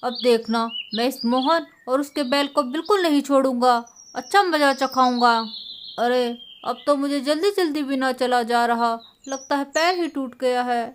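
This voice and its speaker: A woman's voice: sits high, moderate pace, slight background noise, close to an everyday voice. A woman voicing a pompous middle-aged male village moneylender who groans and pants about his troubles. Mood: aching, vengeful. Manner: groaning, panting complaints.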